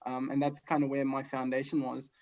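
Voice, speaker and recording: A male guest musician from New Zealand chatting casually, relaxed and rambling with many fillers. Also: mid-range voice, brisk. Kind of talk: casual chat. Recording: dull lo-fi sound.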